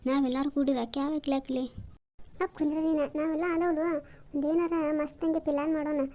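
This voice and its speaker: Woman voicing a brisk, bossy village woman. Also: sits high, flat delivery, dark tone, lightly acted. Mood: bossy reassuring. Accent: North Karnataka Kannada. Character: chatty village woman consoling her friend. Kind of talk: cartoon comedy voice acting.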